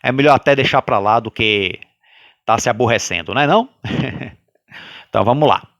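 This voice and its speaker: A man with a Brazilian Portuguese accent leading a guided religious study, talking loudly by habit and often checking in with his listeners. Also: mid-range voice, moderate pace, no echo, muffled recording. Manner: animated, sways between loud and soft. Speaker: study group leader.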